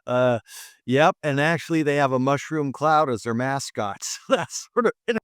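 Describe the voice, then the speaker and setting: The Montana-born chief medical officer, a middle-aged man with an American accent, shares reflective personal stories with earnest sincerity as an interview guest. He has a mid-range, fairly bright and clean voice with lively intonation at normal speed, recorded dry at studio quality.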